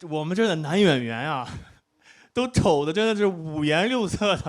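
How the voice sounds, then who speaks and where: A young man performs stand-up on a stage, high-voiced and lively, mocking himself through the set. Loud noise and clicks sit behind his voice. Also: normal speed. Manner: self-mocking, jokey. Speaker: stand-up comedian. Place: comedy stage with live audience.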